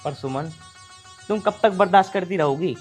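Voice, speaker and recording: A man's voice: high-pitched, normal speed, soft background music, close to an everyday voice. An actor playing a concerned young husband torn between wife and mother in a village film drama. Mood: protective. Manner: concerned, protective. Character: caught-in-the-middle young husband.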